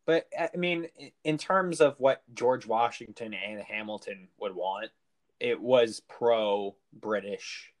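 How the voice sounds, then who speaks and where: A man's voice: lowish voice, slow. A man in a casual discussion who asks curious follow-up questions, restarting his sentences as he thinks.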